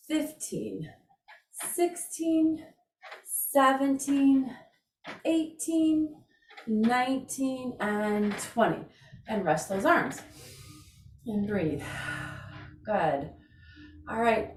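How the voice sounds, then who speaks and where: A woman's voice: a little high, a little hiss or hum. A woman leading an exercise class as instructor, giving informal, encouraging cues with casual chat and counting. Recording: roomy echo, distant microphone.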